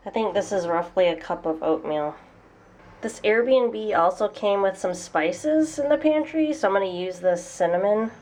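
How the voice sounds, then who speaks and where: This vlogger is a young woman with a stuffy, congested voice, cooking and chatting cheerfully in her small apartment kitchen and room. Her mid-range voice is expressive and a little mellow, at a moderate pace, with a faint hiss or hum. She laughs often and keeps things chatty and upbeat.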